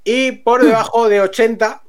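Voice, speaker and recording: A man tells a story to friends on a stream. He is animated and laughs often as the tale unfolds. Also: very high-pitched, moderate pace.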